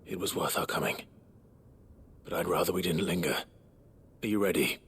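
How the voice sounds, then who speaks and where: A man playing a grave, steadfast monster-hunting warrior in a video game, with a measured, understated, resolute manner. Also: deep voice, slightly rough, heavily acted. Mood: calm, watchful. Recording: loud music behind.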